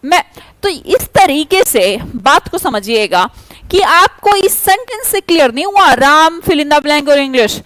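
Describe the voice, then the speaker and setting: A woman teaching English grammar in an online class, briskly pushing students to answer quickly. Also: high voice, fairly bright tone, no echo, rough recording.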